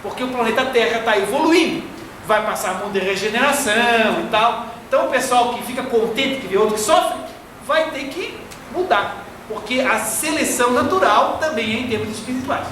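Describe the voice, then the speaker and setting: A man from Florianópolis with a Brazilian Portuguese accent, giving a slow, didactic spiritist lecture. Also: very high-pitched, lively intonation, pushed and bright. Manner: didactic, slow and deliberate, fond of diminutives. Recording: echoey hall from far off, faint noise.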